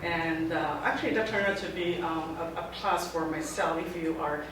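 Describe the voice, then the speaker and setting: Speaking informally to students as a guest in a lecture room, a middle-aged woman from Taiwan uses a low-pitched voice and often stops and starts her phrases over. The sound is distant and strongly echoing, with constant background noise running beneath.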